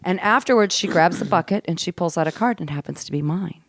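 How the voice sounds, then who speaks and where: A middle-aged woman tells stories on a casual podcast, her voice swooping up and down as she acts out what people said. Her voice is slightly low for a woman. It is recorded close and dry, with no room sound. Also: quick pace, dry recording. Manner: animated storyteller, acts out quotes in a high voice. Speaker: podcast guest. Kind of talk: casual storytelling chat. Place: host's home.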